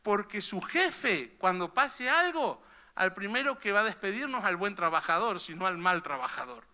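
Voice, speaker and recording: A man's voice: sits high, animated, moderate pace, sharp tone. A man preaching a sermon as pastor, chatty and conversational, often tagging his sentences with a questioning "eh?". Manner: conversational preaching, frequent "¿eh?" tags. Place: church hall.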